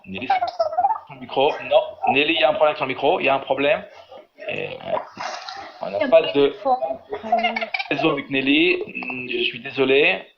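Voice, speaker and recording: A man's voice: medium pitch, wildly swooping pitch, normal speed, creaky, long pauses. Teacher, man, patient and methodical, leading a webinar on a dull line with faint hiss. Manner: patient, corrects reading syllable by syllable. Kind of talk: online class, calling on students. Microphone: video call. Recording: slightly dull online audio with faint noise.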